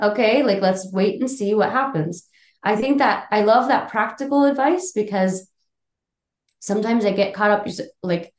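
A woman's voice: a little high, darkish tone. A woman co-hosting a parenting podcast, talking earnestly and explaining her points with apologetic asides. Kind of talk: casual conversational podcast chat. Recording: roomy, echoey podcast audio.

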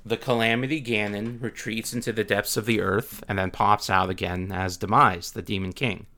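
A woman's voice: rumbling low, fairly even intonation, moderate pace, fairly bright tone. A woman co-hosting a casual podcast chat, reading listener emails with playful asides. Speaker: podcast co-host.

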